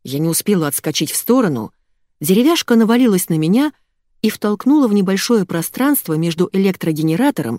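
Woman narrating with a lively pitch. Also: no room sound, clean studio sound. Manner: expressive, lively storytelling. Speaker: audiobook narrator. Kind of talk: scripted first-person narration.

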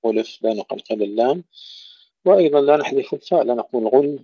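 A man teaching Quran recitation, reciting short phrases and then slowly explaining how each letter is pronounced. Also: medium pitch, lively intonation, dark tone, breathy edge, no echo. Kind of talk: tajweed lesson with recited examples. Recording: dull lo-fi recording.

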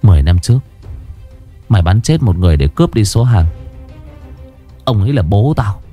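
A man's voice: on the low side, big pitch swings, a little fast, warm tone, soft background music. A man voicing a grim young woman who accuses her father's killer in a stern tone. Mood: vengeful.

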